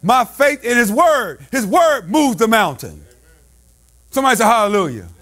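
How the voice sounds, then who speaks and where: Male pastor, very high voice with wide swings, call-and-response sermon, shouting in a sing-song preaching cadence. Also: sing-song, normal speed.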